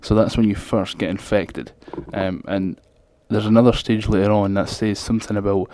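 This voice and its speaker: Scottish guy, thick accent, lowish voice, rambling through a game video on a noisy cheap mic. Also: fairly even intonation, normal speed, mellow. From Scotland. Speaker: gaming video creator, commentator. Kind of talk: casual gameplay commentary. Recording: low-quality home mic with background noise.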